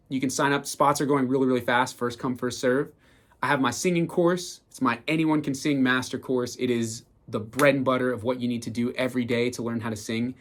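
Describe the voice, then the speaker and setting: A man who is a vocal coach, giving an enthusiastic, casual reaction commentary full of "like" fillers. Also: medium pitch. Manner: enthusiastic, lively, frequent "like" fillers, bursts of singing demonstrations.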